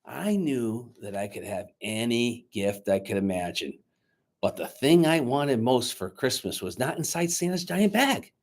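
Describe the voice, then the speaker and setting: A man reading a picture book aloud dramatically to children, pausing to coax them with questions like a teacher. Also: medium pitch, sing-song, darkish tone. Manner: dramatic, teacherly, coaxing young listeners with questions.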